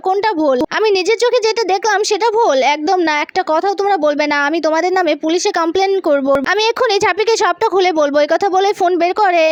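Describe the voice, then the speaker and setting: A woman narrates a TV serial's latest episode at speed, speaking each character's lines herself without changing voices. Her voice sits very high. The sound is dry and close, with no room around it. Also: no echo, muffled recording. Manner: fast, animated storytelling with little change of voice between characters.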